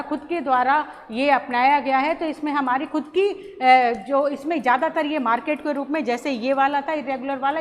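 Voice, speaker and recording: High-voiced woman lecturing in an echoey hall. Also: a little hiss or hum. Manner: explains slowly with many pauses and restarts. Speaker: college lecturer. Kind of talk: recorded lecture. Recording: roomy hall echo, faint ambience.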